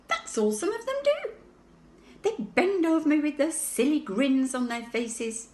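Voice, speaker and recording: A woman's voice: on the high side, a little mellow, echoey room, pitched above the performer's own voice, heavily acted. Woman reading as a bossy know-it-all baby boy. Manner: superior, matter-of-fact lecturing. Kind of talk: children's storybook reading.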